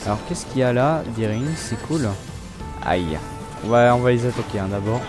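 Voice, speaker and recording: A young man hosting a let's play, talking casually about his gameplay in a relaxed, chatty way and often restarting his sentences. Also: mid-range voice, moderate pace, music in the background.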